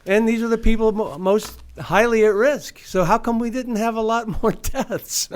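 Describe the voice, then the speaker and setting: A man co-hosting a talk radio show, telling stories with halting speech and frequent chuckles. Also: high-pitched. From Florida. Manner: hesitant, many fillers and restarts, chuckles often. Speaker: radio co-host. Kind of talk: casual talk radio chat.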